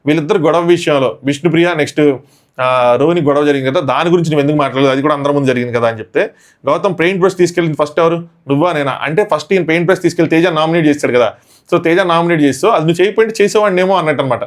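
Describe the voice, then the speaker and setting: In a slightly high male voice, a reviewer rattles off rapid commentary on a reality show episode, with almost no pauses between points. His recap is breathless and story-driven, with English words slipped in here and there.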